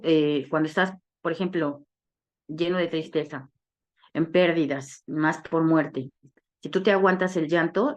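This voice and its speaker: A woman giving a personal testimony talk to a support group, telling her story and acting out the dialogue she quotes, often adding tag questions. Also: sits low.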